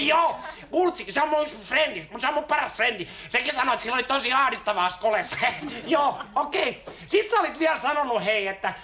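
A man's voice: very high-pitched, lively intonation, hardly any pauses, pushed and bright, reverberant, full character voice. A man playing a brash, giggly 40-year-old in a TV comedy sketch, talking in Helsinki slang and stammering as he tells his story. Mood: cheeky. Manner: giggly, stammering, keeps tacking on "hei".

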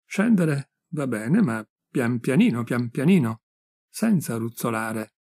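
A tired, prickly bachelor close to fifty, grumbling and resigned about his age, as a reader with a gravelly voice puts him on. He talks in a rueful, slightly sour way, like a character in a read-aloud story. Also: medium pitch, sing-song, takes it slowly, a little mellow, exaggerated voice. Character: weary, touchy bachelor near fifty. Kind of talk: audiobook reading.

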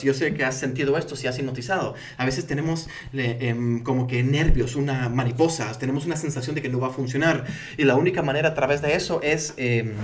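Animated male hypnosis instructor, a bit distant. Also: mid-range voice. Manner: energetic teaching, frequent "ok?" check-ins. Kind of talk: instructional talk to camera.

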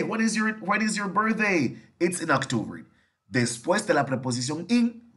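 Husky guy teaching english online, says everything twice, translates it all. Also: medium pitch, fairly bright tone. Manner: repeats and translates each phrase. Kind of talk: online bilingual class.

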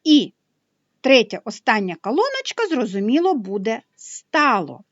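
A woman's voice: on the high side, sing-song, a little slow, no room sound, dull audio. A woman math teacher explaining a lesson patiently, step by step.

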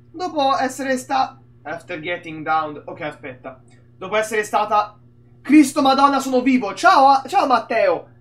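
Italian streamer, very animated pitch, rambling banter, frequent swearing. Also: male voice. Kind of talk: casual gameplay commentary.

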